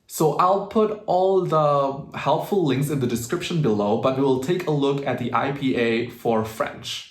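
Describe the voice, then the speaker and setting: A man teaching pronunciation in an explanatory video lesson, patient and steady, and slowing down to demonstrate words. His voice sits at an ordinary middle pitch, and the room around him sounds echoey. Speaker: language teacher.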